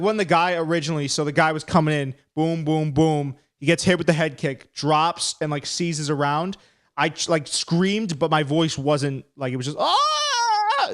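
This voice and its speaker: A man hosting a live stream, chatting casually and rambling as he breaks down fights. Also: a little high. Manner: chatty, rambling, self-deprecating.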